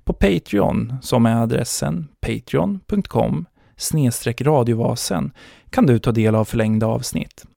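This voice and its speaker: A man hosting a podcast, narrating a story in a measured dramatic manner. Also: medium pitch, vocal fry, warm tone, no room sound, studio quality.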